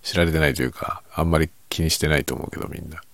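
A man chatting casually and quietly by himself late at night, musing and giving his opinions in a low-key way with softened sentence endings. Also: fairly even intonation, racing, vocal fry, dry recording. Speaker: writer chatting as host.

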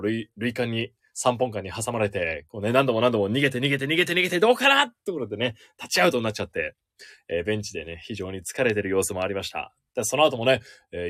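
A male announcer hosting a casual radio talk show, chatty and expressive. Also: fairly low pitch, no echo, studio quality.

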